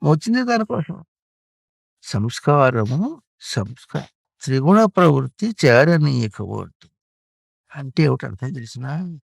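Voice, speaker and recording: A man's voice: medium pitch, big pitch swings, measured pace, gravelly, long pauses, breathy edge, dry recording, studio quality. A man giving spiritual instruction to a child, repeating himself and asking questions emphatically. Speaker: spiritual teacher.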